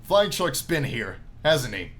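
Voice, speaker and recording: A gaming video host reads a visual novel aloud with jokey playthrough commentary, often repeating phrases for emphasis. His mid-range voice is a bit bright, swings widely in pitch, and moves at a slow pace.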